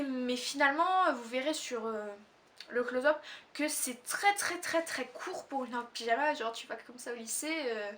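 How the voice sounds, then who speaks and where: A woman's voice: sits high, fairly bright tone, distant mic. A teenage girl from Réunion chatting casually through a clothing haul, rambling with many fillers and self-corrections. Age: teens. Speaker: fashion haul vlogger. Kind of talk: casual haul video chat.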